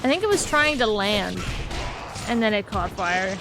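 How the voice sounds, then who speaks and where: A woman's voice: mid-range voice, expressive, a little slow, music in the background. A woman on a game stream casually explaining facts and laughing often. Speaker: stream co-host. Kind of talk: casual gameplay chat.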